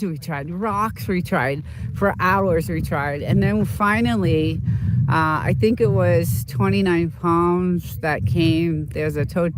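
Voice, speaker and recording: A streamer from Boston talks casually to viewers in an easygoing, meandering way, drifting through stories with plenty of "uh" and "you know." The pitch sits in a comfortable middle register. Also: slight background noise. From Boston, United States. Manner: rambling, chatty, storytelling with many fillers. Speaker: livestream host.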